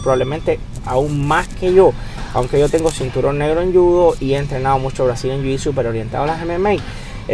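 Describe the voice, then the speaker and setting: A man's voice: fairly high pitch, a little mellow. A middle-aged man, a martial arts instructor, explains his views in an earnest voice-over and often repeats words while he thinks. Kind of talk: voice-over commentary. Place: in the United States. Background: music.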